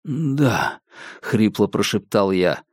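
A man reads a dark story aloud in a measured, somber and dramatic way. His voice sits at an ordinary middle pitch for a man. The recording is dry, with no room sound around him. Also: expressive, no echo. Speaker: audiobook narrator. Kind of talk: scripted narration.

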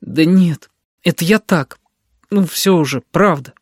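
A man's voice: on the high side, measured pace, husky, no room sound, clean studio sound, voice pushed up. A man voicing a sensitive young boy who pleads and sulks. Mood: sulky. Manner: pleading, sulky.

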